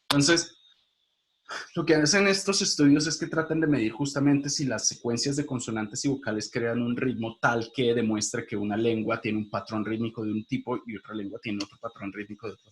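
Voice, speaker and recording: A male teacher gives a video lecture in a voice of middling pitch. He explains each point step by step and turns to his viewers with quick questions. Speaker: linguistics teacher.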